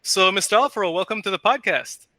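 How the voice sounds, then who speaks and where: A man hosting an academic podcast, giving a formal, measured introduction and asking his guest questions. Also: sits high, pushed and bright, dry recording. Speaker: podcast host, professor. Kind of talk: scripted podcast introduction and interviewing.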